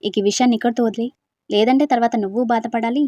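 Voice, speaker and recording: Woman doing a sensible young woman friend, firm, frank, worried, storybook, highish voice. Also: fairly even intonation, fast, mellow, no echo, muffled recording, natural voice.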